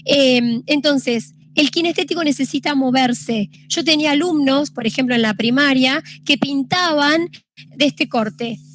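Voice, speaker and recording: A woman's voice: high-pitched, a little hiss or hum. A young Argentine woman giving an informal lecture on study styles, explaining patiently and often checking in with the listeners. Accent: Argentine Spanish. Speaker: teacher giving a study-tips talk.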